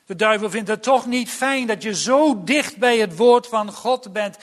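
A man preaches a sermon with grave, emphatic warnings. His voice is high for a man and he speaks slowly, drawing out the words and leaning on them for stress. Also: fairly bright tone.

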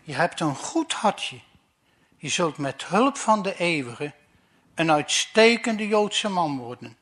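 Brief: doting father, gentle and unhurried, done by a man telling jokes. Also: a little high, very animated, a little hiss or hum, full character voice. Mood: indulgent.

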